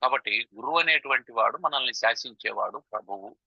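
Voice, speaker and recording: A man giving a spiritual lecture on scripture, explaining with rhetorical questions and chanting verses slowly. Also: medium pitch, vocal fry, husky, no echo, highs cut off. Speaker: spiritual teacher.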